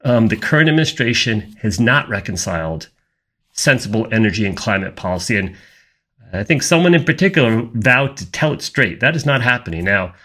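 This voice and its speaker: A man's voice: fairly low pitch, lively intonation, brisk, sharp tone. A man giving an emphatic, opinionated video commentary on energy markets.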